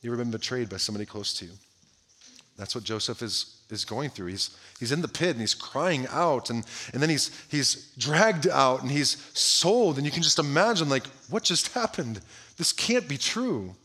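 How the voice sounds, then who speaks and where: A man preaching a sermon, asking his listeners question after question, often restarting phrases and letting line endings sink to a near hush. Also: mid-range voice, normal speed, breathy edge. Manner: asks the listeners many direct questions; drops to a hushed voice at the ends of phrases. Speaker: pastor.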